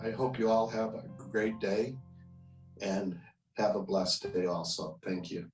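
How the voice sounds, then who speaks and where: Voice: low-pitched, steady tone, a little slow. A speaker giving a short, earnest thank-you speech for a youth program. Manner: earnest, heartfelt. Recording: roomy, distant, loud guitar music.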